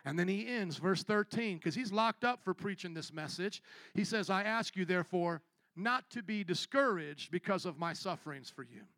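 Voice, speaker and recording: A male pastor preaching a sermon, calling out to his congregation for responses and moving from low, quiet passages up to loud shouted peaks. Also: expressive, normal speed, dry recording.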